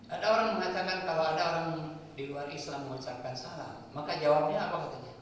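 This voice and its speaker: A man preaches in a mosque hall, talking his listeners through each point and answering the questions he puts to them. His voice carries a long, booming reverb and sounds set back from the microphone. A faint hum of room noise sits underneath. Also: fast, fairly bright tone. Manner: explanatory, asks and answers his own questions, tags lines with "ya". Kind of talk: sermon. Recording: echoey hall, voice from far off.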